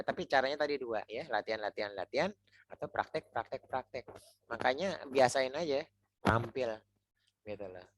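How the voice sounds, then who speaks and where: A man teaching public speaking in a loose, chatty way, repeating words, restarting sentences and tagging them with little checks to the listener. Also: mid-range voice. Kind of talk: informal teaching talk.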